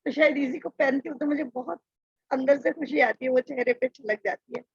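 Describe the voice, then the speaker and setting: A woman's voice: sits high, steady tone, a little fast, vocal fry, no room sound, lo-fi sound. A woman chatting through a personal devotional testimony, often acting out what she said to others. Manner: chatty, quotes herself aloud. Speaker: devotee sharing experiences.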